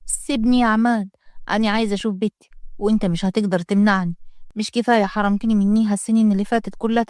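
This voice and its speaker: A woman voicing a bitter, quarrelsome ex-wife with an Egyptian accent, shouting accusations in a story reading. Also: mid-range voice, steady tone, very fast, dry recording, clean studio sound, close to an everyday voice. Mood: furious. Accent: Egyptian Arabic. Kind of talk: storytelling read-aloud.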